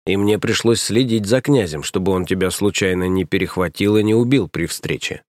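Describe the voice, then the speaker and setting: A man's voice: low-pitched, fairly quick, no echo, clean studio sound, natural voice. A man voicing a cool, mocking male knight rival. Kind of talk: audiobook character voice.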